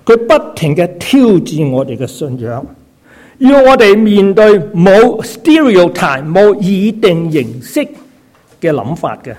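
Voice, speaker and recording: Man, preacher, sermon, slightly high-pitched, rhetorical questions, frequent interjections. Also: darkish tone. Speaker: preacher and doctor.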